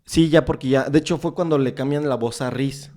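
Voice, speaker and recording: A man with a Mexican accent hosts a podcast in casual chat. His voice is dark and mellow, with an ordinary pitch. He talks at length and retells scenes full of filler words. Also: brisk. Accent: Mexican Spanish. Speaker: podcast host interviewing a guest.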